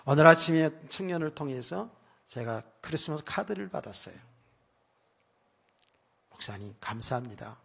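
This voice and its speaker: A male pastor preaching a sermon, speaking calmly and then suddenly raising his voice to shouting, with a sore throat. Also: fairly high pitch, fairly quick, gravelly, husky. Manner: calm talk that suddenly rises to shouting.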